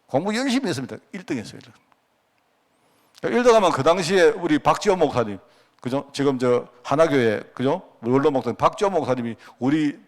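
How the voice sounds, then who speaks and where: A middle-aged man, preaching and telling personal stories with asides to the congregation. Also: on the high side. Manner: anecdotal, conversational, with frequent asides to the congregation. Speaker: pastor. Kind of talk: sermon storytelling.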